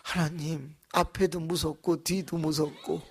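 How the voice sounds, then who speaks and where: A man's voice: a little high, little pitch movement, a little slow, breathy edge. A man pastor preaching a sermon in a church, telling a story animatedly and acting out voices.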